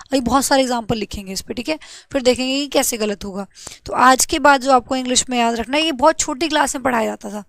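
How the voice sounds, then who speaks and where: A young woman teaching an English grammar lesson to exam students, asking and answering her own questions and spelling out letters slowly. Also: high-pitched, gravelly, fairly bright tone, no room sound.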